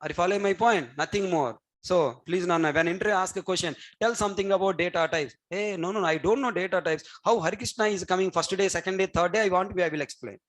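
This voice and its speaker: A man's voice: high-pitched, fast talker, few pauses. A middle-aged man with a Telugu accent in English, a native Telugu speaker, teaching a programming class in an exhorting, repetitive way with question tags and prompts for answers. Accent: Telugu Indian English. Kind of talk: interactive classroom lecture.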